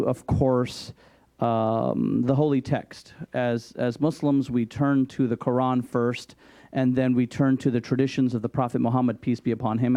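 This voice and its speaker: A man serving as an imam on a public hearing panel explains his faith in measured terms, adding light self-deprecating humor. His voice is mid-range with a dark tone, and there's no room sound.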